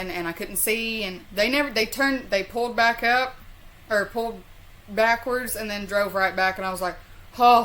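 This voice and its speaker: This storytelling vlogger from North Carolina has a mid-range voice that sounds pushed and bright. In her Southern US accent, she tells a personal tale in a loose, meandering way, cursing freely and poking fun at herself.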